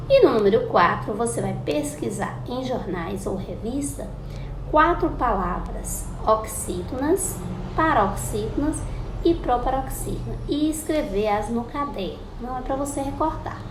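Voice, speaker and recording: Woman teacher, higher voice, slow patient drilling, echoey room with light hiss. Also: lively intonation. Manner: patient, drawn-out spelling of example words. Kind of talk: recorded school lesson. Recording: echoey room with faint background noise.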